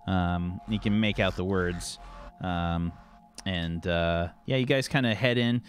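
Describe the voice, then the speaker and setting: A man narrating a tabletop game as game master, casual and halting as he searches for words. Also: sits low, soft background music.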